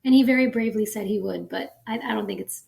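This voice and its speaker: A woman's voice: mid-range voice, fast talker, creaky, darkish tone. A woman co-hosting a podcast, chatting casually and eagerly. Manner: enthusiastic, gushing. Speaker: podcast co-host. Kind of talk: casual chat.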